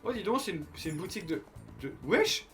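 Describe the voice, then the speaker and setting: His voice is high and fairly bright, swinging widely in pitch and moving a little fast. The young Frenchman streams and banters with chat in a rambling, joking style, restarting often, while light game music plays behind.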